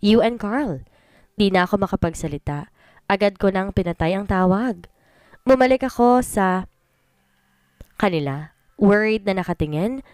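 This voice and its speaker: A woman reading a first-person story in scripted narration, in one even voice, code-switching between Tagalog and English. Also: mid-range voice, normal speed, pauses often, smooth, no room sound. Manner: reads every part in one plain voice, mixing Tagalog and English. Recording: voice over soft background music.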